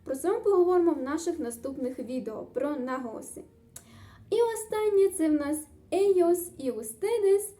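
A woman's voice: high voice, expressive, normal speed, warm tone. A woman tutor teaching a grammar lesson, explaining step by step in an upbeat, encouraging way. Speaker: Spanish tutor.

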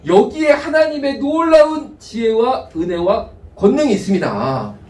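A male pastor giving a lively sermon, acting out people's words in asides. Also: very high-pitched, unhurried, reverberant, far from the mic. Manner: animated preaching, voices God and people in asides. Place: church sanctuary.

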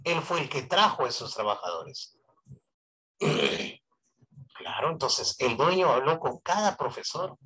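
A male teacher lecturing on economics to an online class through a voice amplifier. He keeps asking his students questions and repeats key phrases to drive each point home. His voice sits at an ordinary middle pitch. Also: bright, forceful tone, breathy edge, rough recording. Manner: asks students constant rhetorical questions.

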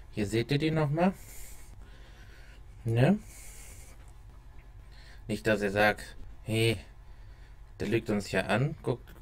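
Young man chatting casually, medium pitch. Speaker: vlogger introducing a taste test. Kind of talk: casual talk to camera. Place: small dim room at home. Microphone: close desk microphone with pop filter.

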